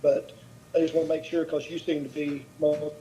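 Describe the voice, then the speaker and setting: A board member asking halting questions at a public hearing over a video call whose audio keeps breaking up. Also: male voice, fairly high pitch, level tone, mellow, a little hiss or hum. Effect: choppy video call audio cutting out. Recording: dull lo-fi video call line.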